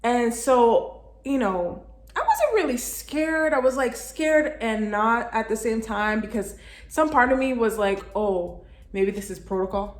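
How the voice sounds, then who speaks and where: A young woman from Canada, chatty and animated, telling a story in a vlog. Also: a little high, measured pace. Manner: animated, chatty, often breaks into laughter. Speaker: vlogger. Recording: echoey room.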